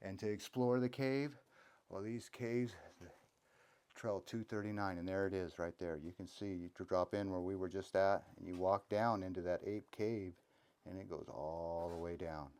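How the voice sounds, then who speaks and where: A man's voice: deep voice, fairly even intonation, normal speed, a little mellow, clear, resonant tone. A man casually narrating his own travel vlog in a playful, jokey tour-guide way, filming on a handheld camera. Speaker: travel vlogger. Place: cave and outdoor mountain trail.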